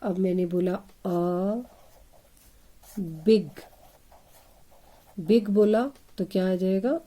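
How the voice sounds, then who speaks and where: A warm, mid-range female voice draws out words during a slow phonics lesson for children. The woman spells English words letter by letter and sounds each one out. She asks questions and refers to her pupils as children.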